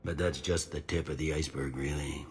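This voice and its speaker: With an extremely low, steady voice and a brisk pace, a male actor portrays a blunt, tired, middle-aged space station security captain for a video game. He's gruff, wry and plain-spoken, laughing questions off, while faint music sits in the background.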